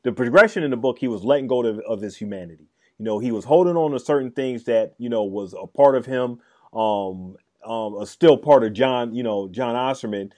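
Man, mellow warm voice, casual rambling chat, lots of ums and restarts. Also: mid-range voice, brisk. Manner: rambling, hesitant, many fillers and restarts. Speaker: podcast co-host discussing a film and comic.

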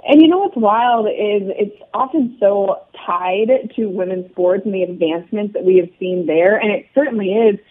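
A woman's voice: mid-range voice, normal speed, few pauses. A woman sports broadcaster interviewed by phone on a radio show, articulate and earnest. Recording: tinny phone line.

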